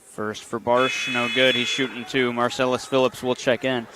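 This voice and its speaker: A man giving brisk basketball play-by-play commentary in short bursts, calling each play as it happens. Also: medium pitch, level tone, very noisy. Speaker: play-by-play announcer.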